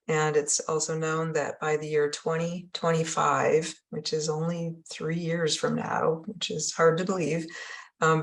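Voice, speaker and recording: A woman program manager giving a webinar presentation in a steady, informative way with occasional fillers. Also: sits low.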